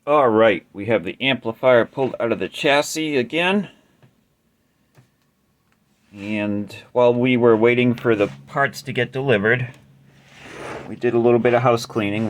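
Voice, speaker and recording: A man's voice: medium pitch, a bit bright. A man hosting a casual repair tutorial, explaining step by step in a laid-back way with some mild cursing. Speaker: amplifier repair host.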